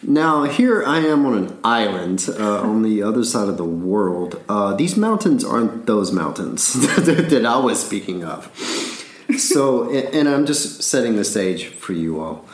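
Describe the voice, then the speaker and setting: A man's voice: lowish voice, big pitch swings, unhurried, reverberant. A man from Alabama with a Southern accent, rambling through a casual story with frequent laughs and repeated words.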